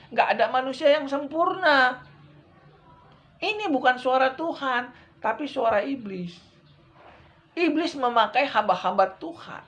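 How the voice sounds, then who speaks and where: A male evangelist preaching a sermon, repeating his points and swinging from loud, urgent lines to hushed ones, speaking straight to his listeners. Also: very high-pitched, muffled recording. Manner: addresses listeners directly as brethren.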